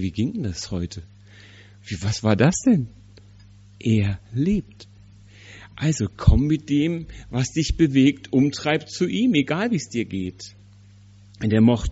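Middle-aged guy giving a sermon, husky dark voice, kinda dull lo-fi sound. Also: medium pitch. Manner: storytelling, varied emphasis, quiet drops. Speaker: pastor. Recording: slightly dull, lo-fi.

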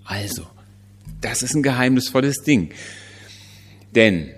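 A male preacher delivers a Christmas sermon in a relaxed, conversational way, often turning to rhetorical questions. He speaks slowly and deliberately. His pitch swings widely for emphasis. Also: slightly rough.

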